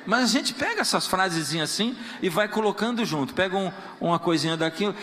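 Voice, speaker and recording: A man's voice: high voice, expressive, fairly quick, sharp tone, a little hiss or hum. A man, a pastor, preaching a sermon in a church, telling stories playfully and acting out quoted prayers in other voices. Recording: long reverb of a church hall.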